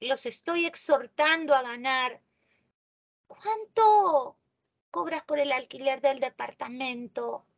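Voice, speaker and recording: A woman teaching a live online grammar class. She often checks in with her students and stresses key terms slowly. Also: high-pitched, a bit bright. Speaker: language teacher.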